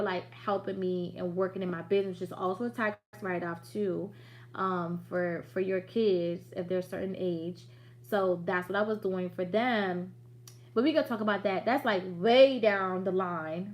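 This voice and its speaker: A woman's voice: medium pitch, slight background noise. A woman in her late thirties hosting a business livestream in a chatty, direct, motivating way with slangy asides. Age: late 30s. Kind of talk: casual livestream talk.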